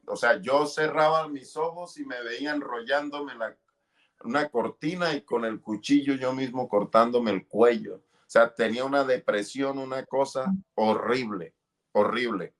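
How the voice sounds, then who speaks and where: A man's voice: medium pitch, unhurried. A middle-aged man giving an earnest, fervent testimony in an interview. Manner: earnest, fervent, relives moments with cries and shouts. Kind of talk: emotional testimony.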